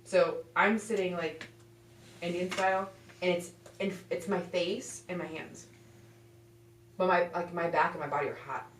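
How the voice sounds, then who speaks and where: Woman w/ lowish voice, casual ghost hunt chat, echoey, kinda far from mic. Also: fairly even intonation, moderate pace, long pauses, slight background noise. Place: echoey indoor room. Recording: echoey room, distant mic.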